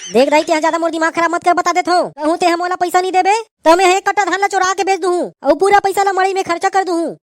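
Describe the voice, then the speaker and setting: A woman's voice: extremely high pitch, fairly even intonation, quick pace, few pauses, no room sound, studio quality. A woman voicing a whiny, lovesick young village man in a cartoon, with a Chhattisgarhi accent and a pleading, complaining way of talking. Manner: pleading and whining. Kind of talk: cartoon voice acting.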